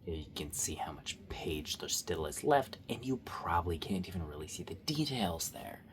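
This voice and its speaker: A man's voice: low voice, very animated, normal speed, a little hiss or hum. A young man giving casual, rambling commentary while he draws, joking and poking fun at himself. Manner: rambling, self-mocking and goofy. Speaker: art vlogger.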